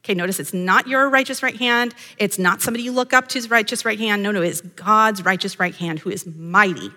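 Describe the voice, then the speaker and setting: A woman's voice: medium pitch, a little fast, sharp tone, long reverb tail. A woman hosting a devotional podcast, teaching women from scripture in an earnest, emphatic way and reading verses aloud. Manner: earnest and emphatic, quotes imagined voices and reads scripture aloud. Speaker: podcast host and Bible teacher.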